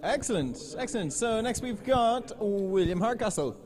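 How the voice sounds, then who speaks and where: A man going around a live audience, introducing people one by one for quick chats. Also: sits high, expressive, crowd noise. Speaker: roving presenter interviewing the audience. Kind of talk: casual audience chat.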